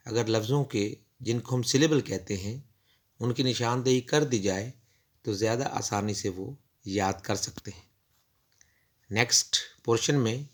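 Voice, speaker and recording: Guy slowly going through an english workbook page, reads the english bits then explains. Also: mid-range voice. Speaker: English teacher. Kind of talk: slow textbook lesson explanation.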